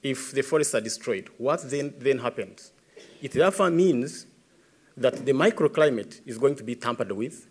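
A man in his thirties with a Ugandan English accent, speaking earnestly as an environmentalist answering questions at a tribunal, building emphasis as he goes. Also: medium pitch. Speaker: environmentalist witness. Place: large dark conference stage. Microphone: podium microphone.

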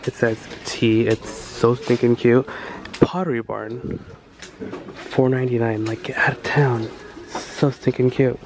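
A mid-range male voice, a little slow, comes through over some background noise. He's casually narrating a thrift-shopping vlog shot handheld in a store aisle, excitable and talking to himself as he gushes about his finds.

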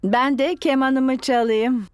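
A woman voicing a kindly, sensible, gently teasing mother pig in a children's cartoon dub. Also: high voice, steady tone, takes it slowly, clean tone. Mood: encouraging.

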